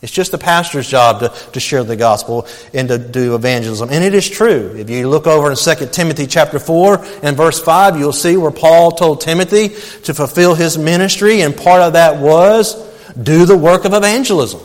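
A man's voice: fairly high pitch, normal speed, in a large hall. A male pastor preaching a sermon, telling a personal story earnestly and calling his listeners beloved.

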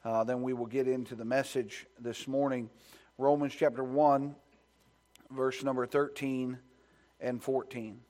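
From the pulpit of a church sanctuary, a pastor at an ordinary male pitch delivers a sermon with scripture reading and prayer, at a measured pace with little pitch movement. He shifts between soft, hushed, earnest praying and fervent preaching that builds loud and climbs high in pitch.

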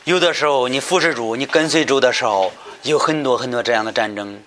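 A man's voice: medium pitch, brisk, fairly bright tone, slight background noise. A man teaching a Bible study lecture, talking hesitantly with many fillers and repeated words, often asking his listeners questions.

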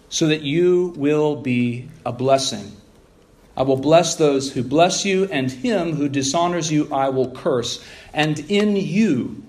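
A man delivers a teaching sermon into a pulpit microphone, his voice sitting a little higher than most men's. He guides listeners through scripture, reading passages aloud. He pauses on rhetorical questions as he explains what the verses mean. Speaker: pastor. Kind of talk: expository sermon.

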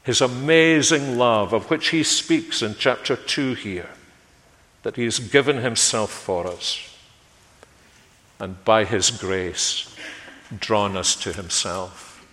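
A man preaching a sermon in a measured way, letting his phrases fall away quietly at their ends. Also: on the low side. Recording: long hall reverb.

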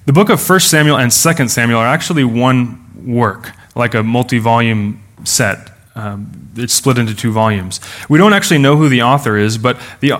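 A man's voice: medium pitch, a bit bright. A male pastor giving a sermon, leading a prayer and explaining scripture in an earnest, teaching manner. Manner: earnest, explanatory, often slowing for emphasis.

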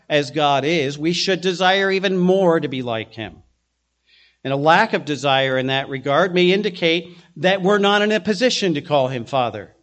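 A man's voice: on the high side, fairly bright tone. A middle-aged male pastor giving an earnest expository sermon, with frequent restarts as he works through the text.

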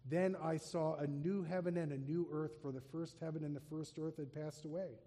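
A man preaching a sermon, reading scripture aloud with rising emphasis and slowing down on key phrases. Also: on the high side, fairly even intonation, warm tone, big-room sound. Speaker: pastor.

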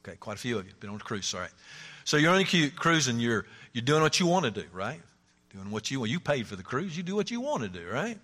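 A man preaching a sermon to a live congregation, animated, climbing to emphatic peaks and often restarting his words. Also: mid-range voice, quick pace, long reverb tail. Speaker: pastor.

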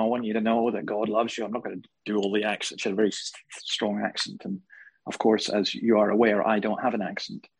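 A man preaching a sermon to a congregation, telling stories with humor and animated emphasis. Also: fairly low pitch, breathy edge, poor audio. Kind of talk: sermon with storytelling. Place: church hall before a live congregation.

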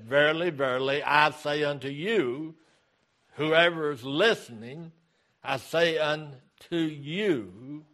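A male pastor delivering a sermon at an unhurried, measured pace, his voice sitting at an ordinary middle pitch. He reads scripture and leans on repeated phrases to drive each point home. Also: a bit bright. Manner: deliberate preaching, repeating key phrases.

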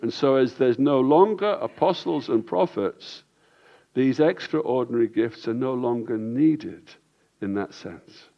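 A man preaching a sermon as pastor, earnest and deliberate, often restarting and repeating his words. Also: mid-range voice, animated, vocal fry, highs cut off.

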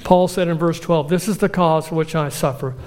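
A man preaching a sermon in an earnest, measured way, slowing down for emphatic lists. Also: on the high side, steady tone, darkish tone.

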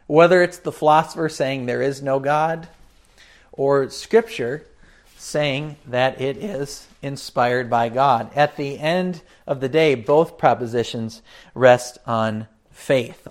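A pastor giving a catechism teaching talk, unhurried, with frequent fillers and asides to his listeners. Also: on the high side.

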